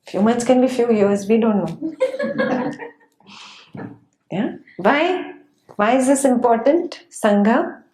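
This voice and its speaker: Gentle woman teaching scripture, echoey room. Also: medium pitch. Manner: gentle, frequent checking questions, laughs often. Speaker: dharma teacher. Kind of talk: explaining scripture to students.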